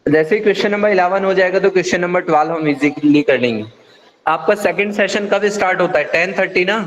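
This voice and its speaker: A man's voice: sits high, quick pace, low-quality recording. A man with an Indian English accent teaching a maths class online, calling students "beta" and answering his own questions patiently.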